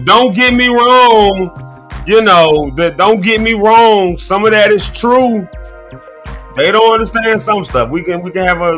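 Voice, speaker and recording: In a sharp, mid-range voice, a man in his thirties runs a laid-back morning livestream, speaking right to his viewers. His tone is folksy and preachy, and he's battling a cough. There's faint music behind him.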